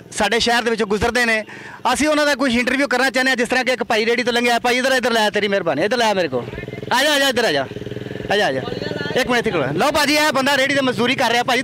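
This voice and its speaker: A man's voice: very high-pitched, very fast, pushed and bright, slight background noise. A man hosting a comedic street interview outdoors, playful and pushy as he coaxes passers-by. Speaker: comic street interviewer and prankster.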